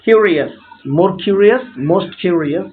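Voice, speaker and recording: A man teaches a grammar lesson at an unhurried pace, stretching each example word out carefully. His voice sits a little high. The sound is thin and phone-like. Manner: slow, patient, drawn-out word examples; repeats a set phrase after each point. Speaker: English teacher. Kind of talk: grammar lesson explaining notes.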